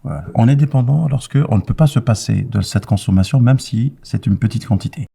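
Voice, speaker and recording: Gravelly dark-voiced man giving advice. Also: mid-range voice, brisk. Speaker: expert answering a caller. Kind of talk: explanatory advice.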